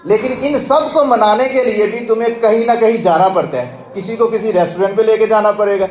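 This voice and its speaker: A man's voice: sits high, reverberant, slight background noise. A man giving a sermon, telling a moving story and acting out the quoted speech before drawing its lesson. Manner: tells a moving story with voiced quotes, then preaches. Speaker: religious speaker.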